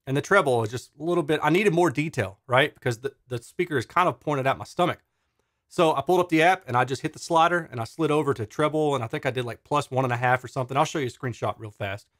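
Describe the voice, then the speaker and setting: A man's voice: medium pitch, a bit bright, dry recording, studio quality. A man, father of a teenager, casually reviewing a speaker in a chatty, enthusiastic way and explaining technical terms. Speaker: audio reviewer.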